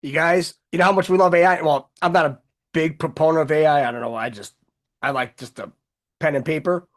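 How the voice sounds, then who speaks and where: A host talks in an unscripted, casual way to viewers. The voice sits at a middle pitch. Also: brisk.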